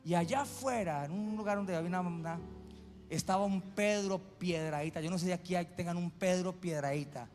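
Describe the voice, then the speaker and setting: A high-voiced male pastor preaches and tells stories theatrically. The church hall gives his voice a long echo, with faint music behind him. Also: fairly bright tone. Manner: dramatic storytelling. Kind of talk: sermon.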